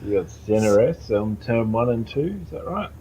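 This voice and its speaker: A man hosting and commentating a sim racing stream in a relaxed, hesitant way with many ums. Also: fairly low pitch, moderate pace. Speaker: race commentator and host. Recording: dull lo-fi mic with noise.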